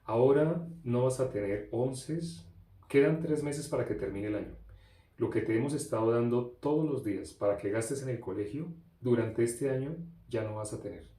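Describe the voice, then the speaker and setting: A stern, angry father, voiced by a male preacher, questions his son in a firm, slow, insistent way. His voice is dark and mellow. The sound rings out in an echoey room. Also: mid-range voice, lightly acted. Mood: scolding.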